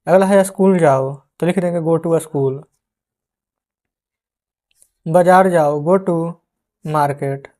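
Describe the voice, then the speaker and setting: A man teaching English as an online tutor, who spells out words letter by letter, calls his listeners friends again and again and slows down while dictating answers. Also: a little high, darkish tone. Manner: calls listeners "friends" in nearly every line.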